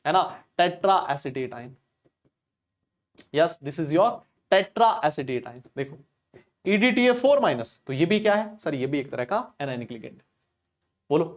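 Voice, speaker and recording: A man teaching chemistry in a live online lecture, chatty and teasing, answering comments as he goes. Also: sits high. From India. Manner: chatty, teasing, answers live chat comments, coaxes students with filler tags.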